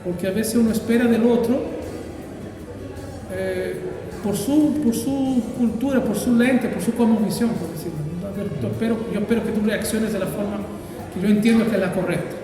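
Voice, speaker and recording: A pastor who grew up in Brazil, answering interview questions in a thoughtful, hesitant way with many fillers. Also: male voice, high-pitched, normal speed, heavy reverb, in a large hall, distant mic, over music, low-quality recording.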